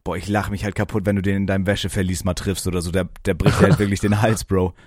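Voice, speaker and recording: A man's voice: deep voice, level tone, quick pace, darkish tone, dry recording, clean studio sound. A young man co-hosting a podcast, joking crudely and teasing his friend in casual chat. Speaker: podcast co-host.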